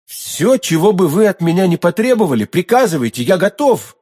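A man's voice: mid-range voice, lively intonation, normal speed, a little mellow, pitched above the performer's own voice. A man voicing an ardent, pompous young musketeer in an audiobook reading, exclaiming eagerly.

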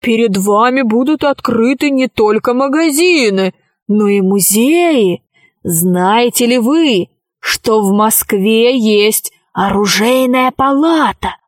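A woman reading the part of a scheming male vampire leader in a storybook, with a slow, coaxing delivery. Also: fairly high pitch, no echo, studio quality.

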